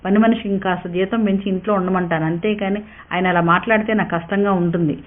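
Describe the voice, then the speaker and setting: A woman's voice: mid-range voice, fairly even intonation, quick pace, close to an everyday voice. A woman voicing a proud young working wife who argues in a heated, defiant way. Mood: earnest. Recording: tinny narrow-band sound.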